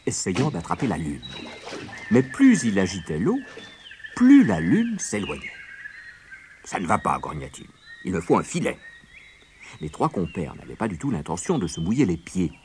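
A man narrating a children's story with expressive, lively delivery. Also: on the low side, a little hiss or hum.

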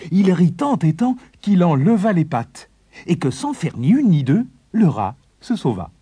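A man narrating a children's fable in an expressive, animated storytelling manner. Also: sits high, a little slow, noisy background.

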